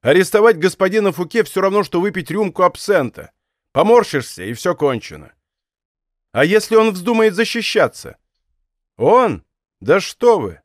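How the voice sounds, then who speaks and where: A man voicing a calm, cheeky musketeer. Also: high voice, normal speed, no echo, pitched above the performer's own voice. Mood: ironic. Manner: calm, dry and ironic. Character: bold male musketeer captain, calm and cheeky. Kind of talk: audiobook character reading.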